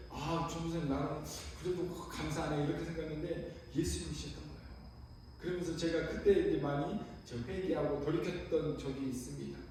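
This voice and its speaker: A young man delivers a sermon with a high voice, filling his heartfelt testimony with hesitant fillers. He sounds distant from the mic, and his words ring out through a big, echoing church hall with a faint hum of room ambience. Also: mellow. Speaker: preacher. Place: church sanctuary. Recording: echoey hall, voice from far off.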